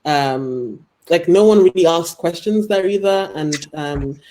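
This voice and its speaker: A woman's voice: lowish voice, a little slow, mellow, a little hiss or hum. Young woman, guest author, video call, casual chat, hesitant, lots of fillers. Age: young adult.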